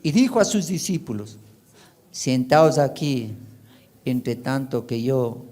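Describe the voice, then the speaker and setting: A man's voice: mid-range voice, lively intonation, takes it slowly, darkish tone. A male pastor with an Ecuadorian Spanish accent, preaching a sermon to his congregation and drawing call-and-response answers from them. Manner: preaching with rising intensity, calls and responses with the congregation. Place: church sanctuary.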